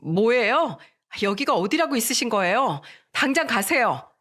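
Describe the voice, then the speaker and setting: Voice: medium pitch, big pitch swings, fairly quick, bright, forceful tone. A narrator doing a snobbish young bride-to-be. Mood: scornful. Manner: curt, scornful.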